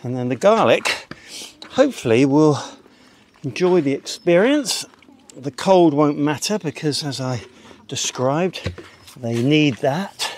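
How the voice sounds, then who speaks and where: This older man speaks slowly and expressively in a higher-pitched voice, with long pauses, as he explains each task on his outdoor allotment for a casual gardening vlog. A distant tripod camera mic captures him, with slight background noise.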